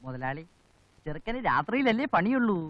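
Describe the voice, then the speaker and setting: A man's voice: high voice, big pitch swings, moderate pace, muffled recording. An actor playing a servant who slyly tattles to his master, in a film comedy. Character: gossiping male servant.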